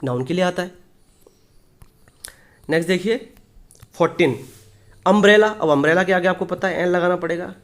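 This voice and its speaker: A man teaching English grammar in Hindi. He explains step by step, asks the class questions and answers them himself, and reads the example sentences slowly. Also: sits high.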